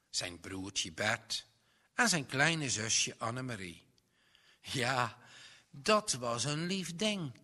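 Man reading a children's story aloud, bright voice, long reverberant room. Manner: expressive, with swings in pitch and loudness.

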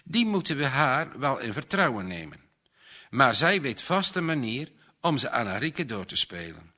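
A man's voice: mid-range voice, sing-song, normal speed, pushed and bright. A man voicing a sincere young man in a spoken story, with an eager, questioning manner and a slightly raised voice. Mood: earnest. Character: searching, sincere young man, easily stirred.

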